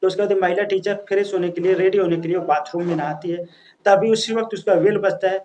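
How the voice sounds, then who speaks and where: A man telling a story in a high voice, chatty and casual, calling his listeners friends as he goes. He stumbles and restarts often, padding his sentences with fillers. Faint noise sits behind the recording. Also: steady tone, quick pace, a little mellow, highs cut off.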